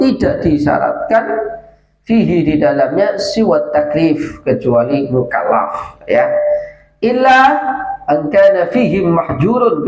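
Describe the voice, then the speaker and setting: A man teaching a kitab study lesson at a boarding school, explaining an Arabic text line by line with lively asides. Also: on the high side. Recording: echoey room, dull lo-fi sound, faint room hum.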